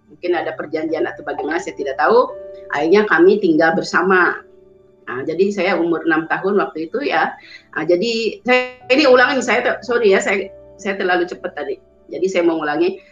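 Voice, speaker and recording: A woman's voice: fairly low pitch, lively intonation. A woman from West Java, Indonesia, telling her personal testimony, often restarting and correcting herself mid-sentence. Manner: halting, with frequent restarts and self-corrections. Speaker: testimony speaker. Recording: roomy, dull, lo-fi sound with faint music.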